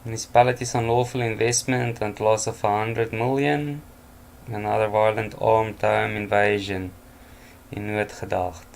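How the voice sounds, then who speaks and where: At home at night, a tired news commentator yawns while reading out headlines, adding chuckles and offhand comments in a casual way. His fairly low voice has vocal fry and little pitch movement at a moderate pace. A little hiss or hum runs underneath.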